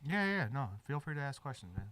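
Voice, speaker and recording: Loud music plays as a man producing a beat chats in his studio, breaking down music theory step by step. He speaks briskly in a sing-song, medium-pitched voice.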